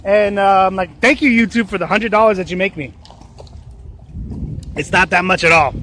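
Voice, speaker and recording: A man's voice: high-pitched, fairly bright tone. A man hosting his own podcast, chatting outdoors at a plaza in a rambling, dramatic, oversharing way. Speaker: podcast host. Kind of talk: casual outdoor vlog chat.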